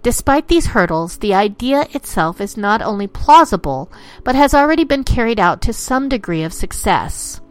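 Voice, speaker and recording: A woman's voice: mid-range voice, sing-song, normal speed, no echo. A woman reading an explanatory scripted narration in the manner of a nature documentary, in long formal sentences. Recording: voice-over with music underneath. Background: music.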